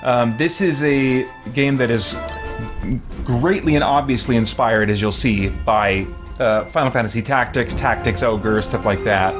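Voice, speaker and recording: A man gives casual, unscripted commentary on his gaming livestream, rambling hesitantly as he works things out aloud. He speaks at medium pitch and a little slowly, with music playing behind him.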